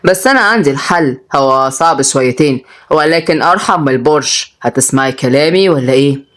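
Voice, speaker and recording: A woman voicing a calm, cold middle-aged male lawyer who explains things in a cool, lowered voice. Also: brisk.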